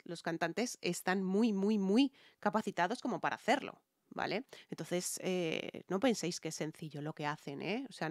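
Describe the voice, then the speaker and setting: A woman's voice: lowish voice, no echo, studio quality. A woman with a Spain Spanish accent, a singer talking viewers through a song in an emphatic, chatty way. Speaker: singer reviewing music. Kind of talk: reaction and vocal analysis.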